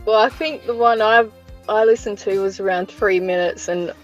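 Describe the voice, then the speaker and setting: A woman's voice: mid-range voice, fairly even intonation, normal speed, lo-fi sound, faint music behind. An Australian woman in an easygoing casual chat on her livestream, laughing often. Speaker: livestream host.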